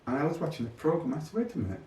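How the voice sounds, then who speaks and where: Recounting his experiences in an interview, this older man sounds fairly high-pitched and mellow, speaking rapid-fire with a sing-song lilt. The mic sits far off in an echoey space with a little background noise.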